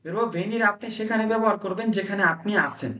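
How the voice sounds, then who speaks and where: Bangla-speaking Italian teacher drilling phrases. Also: male voice, sits high, bright, forceful tone. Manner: explains slowly, drills phrases with repeats. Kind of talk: online group language lesson.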